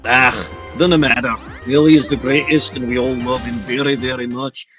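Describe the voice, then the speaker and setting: Man through a deepening voice changer. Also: steady tone, moderate pace, fairly bright tone, faint music behind. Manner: playful mock-pirate talk with "aye" and "lad". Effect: voice changer shifting the voice deeper. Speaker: streamer. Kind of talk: rambling livestream commentary.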